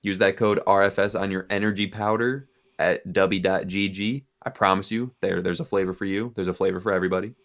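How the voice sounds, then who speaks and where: A man's voice: low-pitched, steady tone, fairly quick, hardly any pauses, fairly bright tone. A young man hosting a casual sports chat show, chatting loosely and reading off plugs for socials and a sponsor. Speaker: podcast host.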